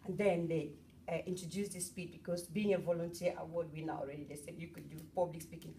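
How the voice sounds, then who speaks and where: A bubbly middle-aged woman from Cameroon giving a lively talk at an event and chatting with the audience. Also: lowish voice, fast talker, distant mic, a little hiss or hum. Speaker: motivational speaker.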